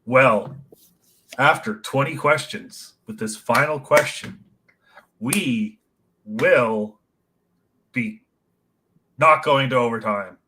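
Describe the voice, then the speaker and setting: Bright-voiced man announcing trivia answers. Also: mid-range voice, slow, pauses often, slight background noise, low-quality recording. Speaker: trivia question writer and scorekeeper. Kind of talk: casual chat.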